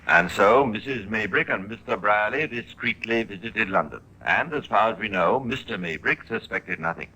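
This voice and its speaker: A male narrator tells the story in measured, scripted radio style. His voice is low, with a bright, forceful edge. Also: poor audio.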